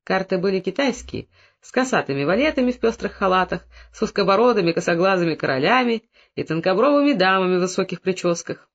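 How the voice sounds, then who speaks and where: A man narrating a novel in a measured, descriptive audiobook reading. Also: sits high, lively intonation, a bit bright, dull audio. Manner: measured, descriptive, plays every character.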